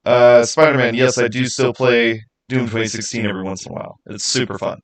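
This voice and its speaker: Speaking fairly quickly in a flat, mid-range voice, this livestream host talks casually straight to his audience while running a giveaway.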